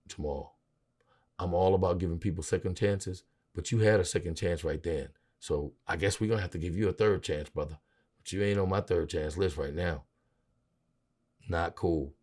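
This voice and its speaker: A middle-aged man hosting a sports podcast, giving opinionated, preachy commentary that swings between loud emphasis and low asides. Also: husky.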